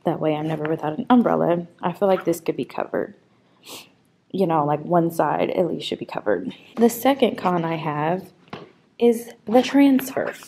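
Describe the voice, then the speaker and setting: A young woman talks to her camera in a relaxed, chatty vlog style, her voice sitting a little low. She rambles, circles back, and leans on fillers as she goes. A faint hiss of background noise sits under her voice. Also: normal speed, vocal fry. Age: young adult. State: out of breath. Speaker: vlogger. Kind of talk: casual vlog chat to camera.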